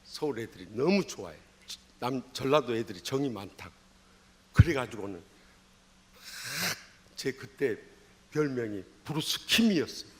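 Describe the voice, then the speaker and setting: A man's voice: medium pitch, expressive, moderate pace, long pauses, a little mellow. A man in his sixties with a Jeolla accent, a pastor telling a personal story in a dawn sermon with dramatic swings of voice. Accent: Jeolla Korean. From Jeolla, Korea. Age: 60s. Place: church sanctuary.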